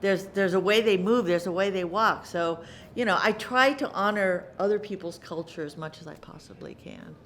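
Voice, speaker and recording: A middle-aged woman, an actress, talking in an interview at a theater in an animated way, often repeating words for emphasis. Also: medium pitch, moderate pace, a little hiss or hum. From United States. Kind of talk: reflective interview talk.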